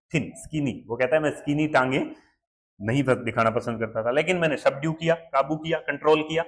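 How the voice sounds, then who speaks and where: A man with an Indian accent teaching an English chapter in Hindi, going word by word and asking and answering his own questions. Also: mid-range voice.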